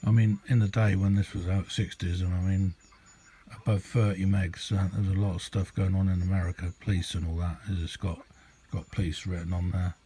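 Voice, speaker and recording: With a low, warm voice and a level tone, this British man, middle-aged or older, talks fairly quickly through a casual hobby demonstration. He's unscripted, rambling and hesitant but relaxed, recorded at home on noisy amateur equipment.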